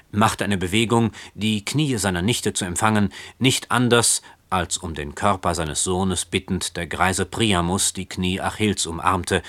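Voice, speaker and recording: A man narrating a literary story in a measured, calm way. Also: sits low, dry recording. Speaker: audiobook narrator.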